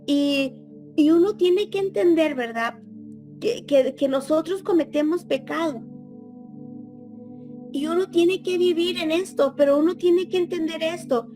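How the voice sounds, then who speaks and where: A woman's voice: very high voice, unhurried, warm tone, faint music behind. A middle-aged Mexican woman teaching a church Bible class in a chatty way, often adding tag questions.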